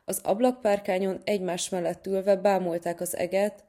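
A woman reading a children's story aloud in a gentle, measured way. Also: medium pitch, level tone.

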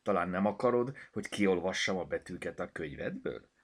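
Man playing a fussy old granny in a storybook, mumbly, kinda husky, raised voice. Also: deep voice, animated, full character voice. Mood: gentle. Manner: mumbling, fretful. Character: fussy, absent-minded kindly old grandmother.

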